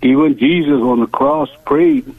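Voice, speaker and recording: A man in his seventies calling into a radio show with a prayer request, speaking in an earnest, halting way. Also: on the high side, huge pitch swings, creaky, breathy edge, no echo. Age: 70s. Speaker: caller. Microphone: phone. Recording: tinny dry phone line.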